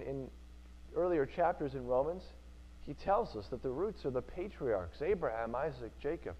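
A man's voice: a little high, lo-fi sound. A male preacher giving an earnest sermon in church, repeating key phrases for emphasis.

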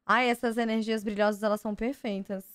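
Excitable young Brazilian woman streamer. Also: fairly high pitch, brisk, clear, resonant tone, dry recording, clean studio sound. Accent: Brazilian Portuguese. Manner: gushing, easily excited exclamations. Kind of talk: casual card-opening chat.

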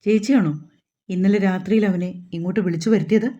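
A woman's voice: mid-range voice, steady tone, fast talker, warm tone, highs cut off, close to an everyday voice. A woman reading the part of a stubborn, domineering man who speaks curtly and mockingly. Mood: stern.

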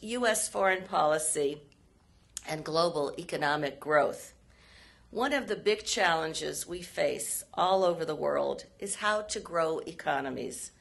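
A hoarse woman, a former State Department official, gives a formal policy lecture at a university event, speaking in measured phrases with frequent pauses. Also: lowish voice. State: hoarse, frog in her throat.

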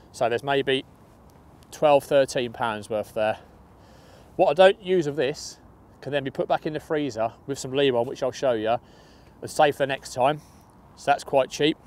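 In a slightly mellow mid-range voice, a young match angler casually explains his fishing bait outdoors beside a lake. The tutorial is upbeat and chatty, and he occasionally starts phrases over.

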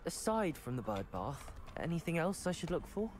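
Lively young wizard. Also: male voice, a little high, moderate pace, noisy background. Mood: polite, curious. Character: young male student wizard, polite, curious, determined. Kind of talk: video game voice acting. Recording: game music under the voice. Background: game music.

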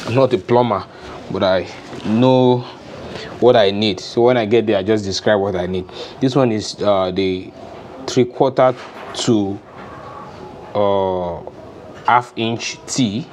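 Inside an open-sided, concrete-floored poultry house, a young man with a Nigerian accent demonstrates farm DIY step by step, unscripted and informal. He speaks in a low, darkish voice, unhurried and full of long pauses, over music and a slight hiss or hum.

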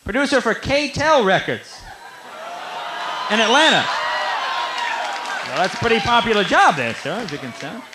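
A man in his thirties doing stand-up crowd work in a comedy club, teasing the audience with quick, animated riffs. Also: high-pitched. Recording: live club recording with faint room noise.

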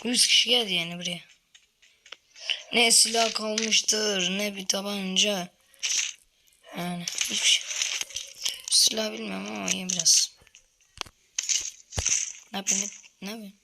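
A woman's voice: medium pitch, steady tone, unhurried, vocal fry, pauses often, very noisy. A woman giving casual commentary while playing a mobile shooter, grumbling and swearing in frustration. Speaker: gamer streaming a mobile battle royale.

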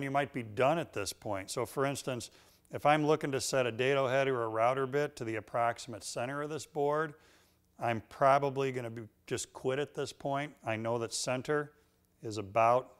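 A middle-aged man teaching a woodworking technique in his shop, relaxed and folksy with dry jokes, on a lapel mic. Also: mid-range voice. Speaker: woodworking instructor. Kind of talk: instructional demonstration.

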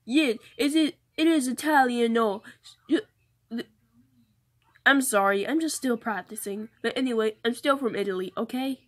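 A woman's voice: a little high, moderate pace, fairly bright tone. A woman voicing a grumpy male toy customer who pretends to be Italian in a doll play, impatient and blustering.

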